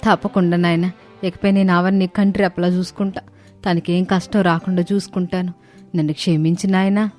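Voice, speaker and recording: A woman voicing a sharp-tongued mother-in-law who scolds and brushes others off in a storybook tale. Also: on the low side, fairly even intonation, brisk, faint music behind, close to an everyday voice. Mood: remorseful. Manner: scolding and dismissive.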